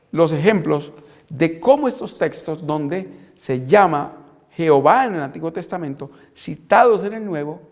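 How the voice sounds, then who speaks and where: A man with a slightly high voice teaches a recorded Bible lesson. He reads scripture aloud in a measured way and slows down deliberately to spell out key words. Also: darkish tone. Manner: deliberate, spells out terms slowly. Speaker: Bible instructor. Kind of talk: recorded apologetics lecture.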